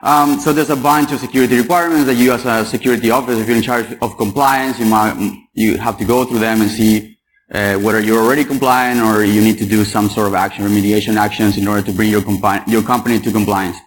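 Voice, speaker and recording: A man's voice: fairly low pitch, fairly even intonation, quick pace, a little hiss or hum, low-quality recording. Joking man from Paraguay. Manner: joking, chatty, quizzes the audience. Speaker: conference speaker. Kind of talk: security conference talk. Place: conference hall.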